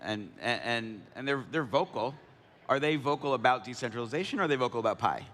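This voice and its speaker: A man's voice: medium pitch, expressive, a little fast, fairly bright tone. A man moderating a conference panel, putting questions onstage in a conversational style. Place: large conference hall. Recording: reverberant conference hall.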